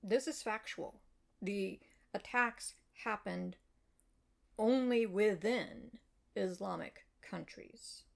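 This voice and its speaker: An American woman, an author, calmly replies to a reader's comment in a measured, explanatory way with frequent fillers. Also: mid-range voice, creaky. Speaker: web fiction author. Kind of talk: reply video addressing a reader's comment.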